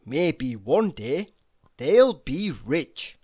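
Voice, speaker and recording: Tongue-in-cheek motivational quotes are read aloud extremely slowly, with deliberate, dramatic flair. Pitch swings lively throughout, and distinct pauses separate each phrase.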